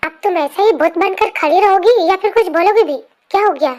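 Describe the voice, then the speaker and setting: A woman voicing a possessive, quick-tempered young husband in a fan story narration, talking bossily. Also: very high voice, a little mellow. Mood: scolding, angry. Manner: bossy, scolding, then doting. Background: faint music.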